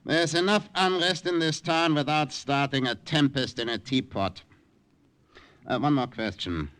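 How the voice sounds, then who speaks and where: An actor playing a stern, condescending German commandant in a radio drama, questioning in an officious, deliberate way. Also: male voice, mid-range voice, fairly bright tone, clear, resonant tone, no room sound, natural voice. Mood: grudging, probing. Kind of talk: 1950s radio drama acting.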